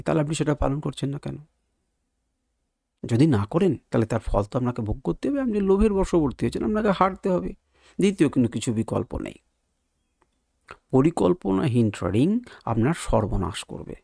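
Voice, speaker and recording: A man's voice: medium pitch, creaky, warm tone, dry recording, clean studio sound. A man teaching trading, speaking in with an emphatic lecturing manner full of rhetorical questions. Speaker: trading educator. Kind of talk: explanatory lecture to viewers.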